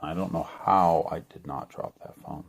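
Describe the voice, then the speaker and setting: Middle-aged man, very low voice, rambling earnest personal testimony with lots of restarts and fillers. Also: moderate pace, gravelly. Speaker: channel host.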